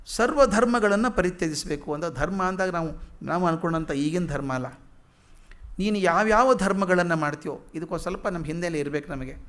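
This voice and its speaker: High-voiced man giving a lively lecture. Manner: recites verses slowly, then explains them in everyday talk; lively, asks the audience questions and answers them himself. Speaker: lecturer on philosophy. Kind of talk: public lecture explaining verses. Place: lecture hall.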